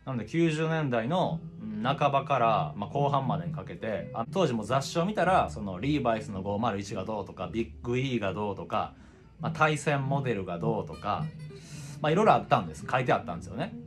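A man, telling a personal story in a casual, expressive, conversational vlog style. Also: medium pitch, quick pace, music in the background. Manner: expressive, conversational, acts out past reactions. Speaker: video presenter. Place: small indoor room with records and guitars.

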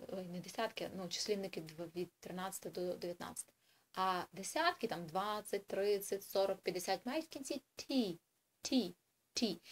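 Woman tutor, informal video lesson for parents; chatty and explanatory, often pausing to hesitate and correct herself, mid-range voice. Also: mid-range voice. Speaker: English tutor for children.

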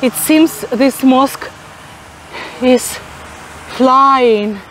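A woman in her forties with a Russian accent, a travel vlogger chatting enthusiastically, with many fillers and pauses, filming on a phone outdoors. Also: high-pitched, a bit bright, a little hiss or hum. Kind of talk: casual travel vlog narration. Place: outdoors in a city and inside a large mosque.

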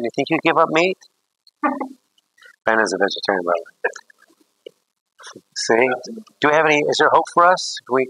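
A man's voice: mid-range voice, fairly bright tone, dry recording, rough recording. A man, a priest, teaching a catechism class in a rambling, anecdotal way with jokey asides.

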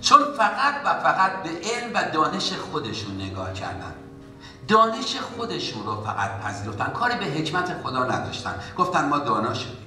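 A man preaching a sermon as a pastor, in an impassioned way that rises to loud exhortation. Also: fairly high pitch, huge pitch swings, faint music behind. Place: church. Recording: echoey church hall from far off.

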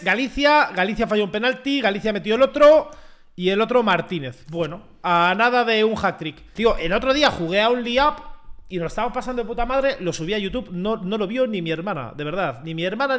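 A young man doing loud, joking gameplay commentary and swearing freely. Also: sits high. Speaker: gaming YouTuber.

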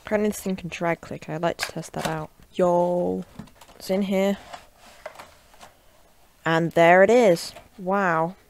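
Gravelly-voiced woman chatting at her desk. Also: on the low side, fairly even intonation, unhurried, long pauses, slight background noise. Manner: chatty and offhand, bursting into loud shouts while gaming. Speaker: tech reviewer and gamer. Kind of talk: casual unboxing and gameplay commentary. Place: at a desk at home.

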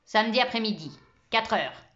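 A woman voicing a stern, cold old male French teacher with a rusty, grating voice, speaking slowly and with contempt. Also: on the high side, lively intonation, fairly bright tone, dull audio. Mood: coldly menacing. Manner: slow, icy, each word dropped with contempt.

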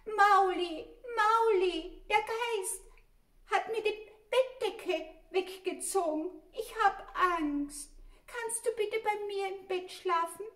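A woman's voice: extremely high pitch, slow pace, fairly bright tone, roomy sound, voice pushed up, exaggerated voice. A woman voicing a frightened little girl mole who pleads tearfully for her brother's help in a storybook reading.

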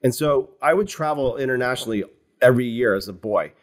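Joining a video call from his home office, an American fund founder in his fifties talks through his career as an interview guest. His medium-pitched voice is calm and explanatory, peppered with "you know," and it comes through a webcam mic in a room with wooden cabinets.

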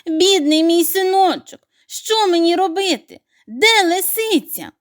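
A woman voicing a loving, anxious mother duck who cries out in a high voice. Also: lively intonation, unhurried.

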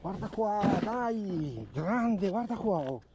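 With heavy background noise, a man magnet fishing by a river speaks slowly in a high voice, offering casual vlog commentary about what he finds. He grows excited and repeats words as he points out each item.

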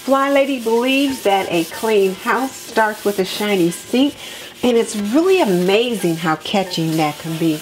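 A woman in her home kitchen, walking viewers through cleaning her sink step by step in a relaxed, practical way. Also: medium pitch, noisy background. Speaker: homemaking vlogger. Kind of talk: cleaning tutorial narration. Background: background music.

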